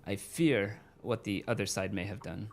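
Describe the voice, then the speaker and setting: A man's voice: lowish voice, normal speed, vocal fry, a little hiss or hum. A man voicing a wary, guarded female gang member with formal, clipped phrasing in a tabletop game. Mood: guarded, puzzled.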